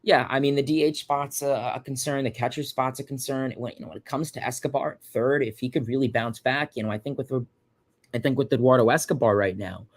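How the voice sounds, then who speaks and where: Speaking briskly at a medium pitch, this livestream host is a man in his early twenties from Long Island, New York. He answers viewer questions casually, rambling, repeating himself, and leaning heavily on fillers.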